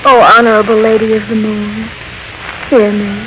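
A woman playing a tender, excitable wife in an old radio drama, speaking with heartfelt theatrical earnestness. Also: medium pitch, normal speed, very noisy, natural voice. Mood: pleading, reverent. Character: devout, tender, excitable peasant wife longing for a child. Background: music.

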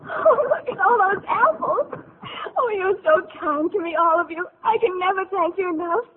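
A woman's voice: high voice, normal speed, natural voice. An actress voicing a sweet, frail young girl in a vintage radio play, pleading and tearful. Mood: grateful. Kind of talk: 1940s radio acting. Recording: tinny old radio broadcast.

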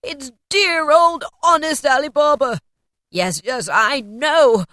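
A woman's voice: medium pitch, animated, normal speed, no room sound, lightly acted. An old miser played by a woman from a storybook, full of tearful nostalgia. He exclaims and stammers in an emotional voice, somewhere between laughing and crying, recorded close and dry. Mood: ecstatic.

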